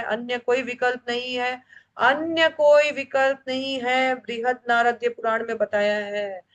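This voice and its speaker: In a muffled recording, a devotional study group leader with a fairly high voice teaches a scripture class. She speaks emphatically, repeating key phrases three times, and weaves English words into what she says.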